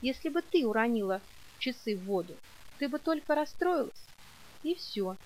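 A woman's voice: a little high, lively intonation, moderate pace, close to an everyday voice, low-quality recording. A woman doing a stubborn, defiant young girl. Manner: insistent, explains with childish logic.

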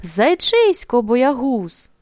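A mischievous little cloud girl from a children's storybook, voiced by a woman. She taunts in a high, sing-song voice that leaps up and down. The recording is dry and close. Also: sing-song, slow, a little mellow, no echo. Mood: teasing.

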